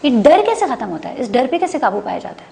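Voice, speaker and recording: A woman's voice: on the high side, very animated, fast, vocal fry, dark tone, slight background noise. A woman hosting a casual interview, humming along and finishing her guest's sentences. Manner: frequent affirming hums, finishes guest's sentences. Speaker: talk show host.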